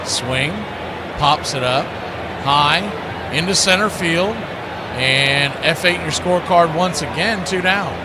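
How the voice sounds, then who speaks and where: A man announcing a baseball game play-by-play in a steady, matter-of-fact radio style. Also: fairly high pitch, measured pace, noisy background.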